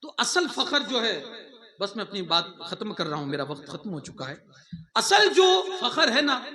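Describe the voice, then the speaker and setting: A man from India giving a lively sermon to students, mixing laughing asides with raised, emphatic lines. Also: high voice. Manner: animated preaching with laughing asides, raising his voice for emphasis. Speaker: religious teacher.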